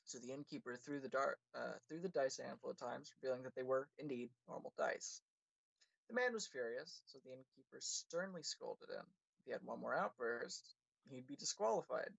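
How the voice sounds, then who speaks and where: Brief: a male streamer narrating his own writing, with a gravelly voice and a dry, close sound. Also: medium pitch, normal speed, no echo, lo-fi sound. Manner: casual, with self-corrections and laughs. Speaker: livestream host and writer. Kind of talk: reading his own story aloud.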